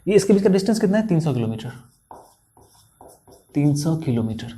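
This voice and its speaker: A young adult man with an Indian accent, a maths tutor explaining word problems in a chatty, teasing way, tired and speaking softly. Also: on the high side, very animated, a little hiss or hum. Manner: chatty, teasing, talks straight to students, reads problem text aloud slowly. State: tired, speaking softly after a full day of recording. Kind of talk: casual classroom explanation while writing on a board.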